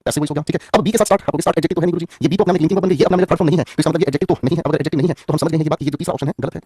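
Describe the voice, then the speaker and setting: A man's voice: fairly high pitch, steady tone, very fast, dark tone, husky, no echo, clean studio sound. A man teaching an online English grammar class, playful and joking, who teases students by name and often answers his own questions. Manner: repeats questions and answers them himself.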